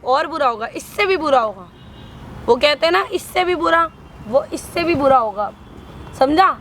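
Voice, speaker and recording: A woman's voice: high voice, lively intonation, normal speed, a bit bright, slight background noise. A woman playing a scheming pregnant woman who blackmails her employee into marrying her, bossy and taunting. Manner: bossy, taunting, switches to coaxing. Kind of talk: scripted short drama.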